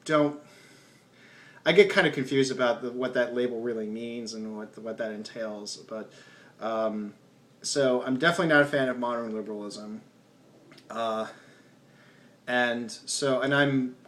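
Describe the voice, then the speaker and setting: A man reviewing a film in loose, unscripted talk. He starts sentences over and over, fills the gaps with ums, and lets the ends of his phrases sink into quiet mumbles. His voice sits at an ordinary pitch for a man. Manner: rambling, with many restarts and ums. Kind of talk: casual spoken film commentary.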